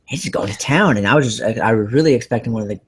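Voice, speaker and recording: A man hosting a casual podcast, rambling excitedly with lots of fillers and restarts. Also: fairly low pitch, very fast, husky. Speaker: podcast host.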